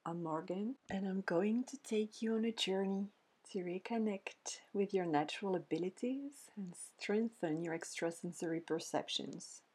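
Near-whispering and breathy, a woman with a mid-range voice leads a guided meditation from a script. Her short phrases are separated by pauses, and the effect is gentle and calming.

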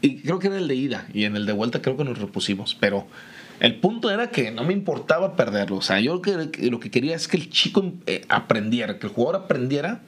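A man, a football coach, telling lively anecdotes in casual conversation and acting out the people he quotes. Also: mid-range voice, quick pace, breathy edge. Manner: animated storyteller, acts out quoted voices.

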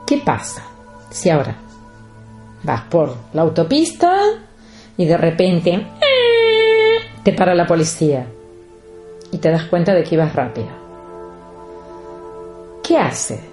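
A woman, hosting a reflective podcast and speaking slowly and deliberately straight to her listeners. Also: sits low, very animated, mellow, faint music behind. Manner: slow, deliberate, addresses listeners directly. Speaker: podcast host.

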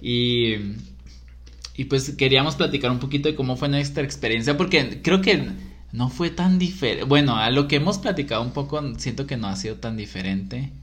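Man, relaxed co-host, mid-pitched, quick questions. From northern Mexico. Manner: asks questions, brief interjections. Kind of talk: casual chat.

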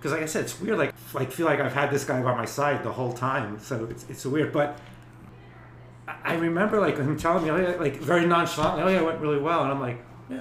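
A man's voice: fairly high pitch, fairly quick, fairly bright tone, a little hiss or hum. A man and clinic co-owner recalling the past in casual conversation, rambling and laughing often. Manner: rambling, many fillers and restarts, laughs often. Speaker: clinic co-owner, podcast guest. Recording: echoey room with faint ambience.

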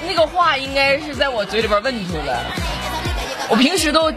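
A woman's voice: high voice, expressive, a little fast, music in the background, a crowd in the background. A woman with a Northeastern Chinese accent, chatting casually in a playful, teasing way. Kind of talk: casual bantering chat.

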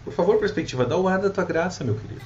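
A man's voice: sits high, fast talker, darkish tone, muffled recording, a little hiss or hum. A man joking and teasing in a casual podcast chat.

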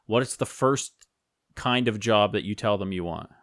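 A man hosting a podcast who asks dry, deadpan questions while playing a talent agent. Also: lowish voice, normal speed, dry recording. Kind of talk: casual podcast banter.

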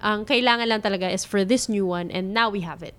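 A woman's voice: mid-range voice, fast, a bit bright. Filipino woman explaining in Tagalog-English mix. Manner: informal, emphatic, with Tagalog-English code-switching. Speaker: health reporter, interview guest. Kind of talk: conversational explaining in mixed Tagalog and English (Taglish).

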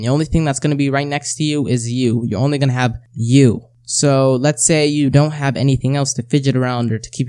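Man, mid-range pitch, self-help host, conversational guidance, repeated phrases, rhetorical questions, close dry mic. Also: a little mellow, clear, resonant tone, no room sound. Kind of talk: conversational self-help advice, guided and direct to the listener.

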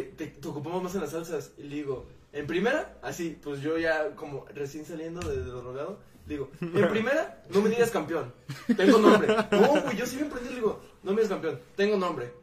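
A man's voice: on the high side, fast, few pauses, far from the mic. A young man with a Mexican accent, telling a story among friends, swearing freely and acting out the lines of the people in it. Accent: Mexican Spanish. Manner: animated, swearing freely, acts out dialogue. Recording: roomy sound, somewhat off-mic.

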